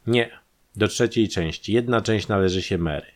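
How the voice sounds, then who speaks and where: A man's voice: on the low side, normal speed, close to an everyday voice. A man voicing a calculating, ironic male thief in an audiobook, speaking with raised, eager intensity. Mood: scheming.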